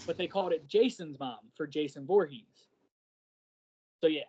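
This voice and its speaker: A podcast co-host makes casual conversation in a fairly high voice at normal speed, often hesitating with ums as he hunts for words. The audio is dull, with a crowd audible behind him.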